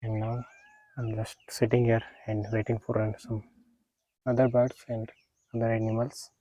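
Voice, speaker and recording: A man narrating a casual outdoor wildlife vlog in a halting, unhurried, understated way. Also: on the low side, level tone, warm tone, no echo, poor audio. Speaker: wildlife photographer vlogger. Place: outdoors in nature, close dry sound.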